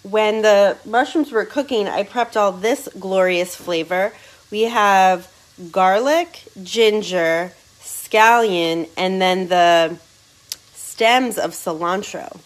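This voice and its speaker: A woman's voice: mid-range voice, slow pace. A woman chatting enthusiastically through a casual cooking vlog in her home kitchen, filming on a phone in her hand. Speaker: home cook. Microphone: phone held in hand.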